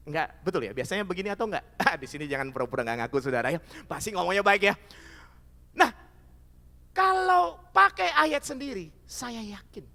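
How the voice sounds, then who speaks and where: Pastor guy preaching, high bright voice, keeps asking the crowd stuff, big echoey hall. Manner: lively preaching that calls out to the congregation. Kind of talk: sermon. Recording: long hall reverb.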